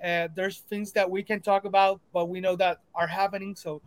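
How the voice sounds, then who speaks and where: An interview host asking questions and sharing views in a relaxed chat, thinking aloud with fillers and switching into English. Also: mid-range voice, moderate pace.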